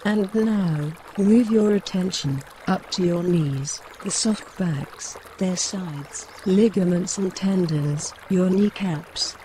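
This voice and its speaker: A meditation guide with a fairly low voice gently leads a mindfulness session in short, measured phrases separated by pauses. A clear woodland stream trickles behind her, and there is a little hiss or hum.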